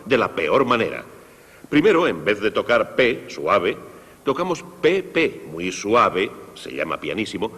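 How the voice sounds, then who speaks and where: A man presenting a concert for young people, explaining music to children in a lively, direct way, dubbed in Spanish. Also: on the low side, breathy edge, in a large hall. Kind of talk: Spanish dub of a televised music lesson.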